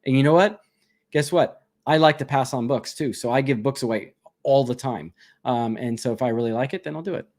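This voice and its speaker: A man hosts a casual live Q&A on a laid-back stream, reading out viewer comments and replying in a fairly quick, friendly, talkative manner. His pitch is a typical male middle range, and he breaks into laughter often.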